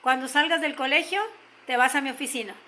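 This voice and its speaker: A woman's voice: sits high, a little fast, pushed and bright. A woman voicing a stern, reserved father who speaks seriously and gives orders. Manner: serious, commanding.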